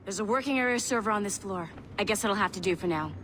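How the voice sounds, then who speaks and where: A woman playing a brisk, sardonic young corporate security agent in a video game, blunt and wry. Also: mid-range voice, background noise, close to an everyday voice. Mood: wry, matter-of-fact.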